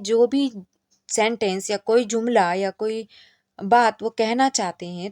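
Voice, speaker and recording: A woman teacher educator lecturing on a syllabus, reading each English point slowly and then explaining it at length in Hindi mixed with Urdu words. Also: on the high side, darkish tone, dry recording.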